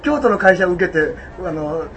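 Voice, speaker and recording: An older man telling anecdotes in casual talk, animated and often laughing. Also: high-pitched, normal speed, slight background noise, low-quality recording. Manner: animated, laughing storyteller, mimics quoted voices. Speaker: guest storyteller.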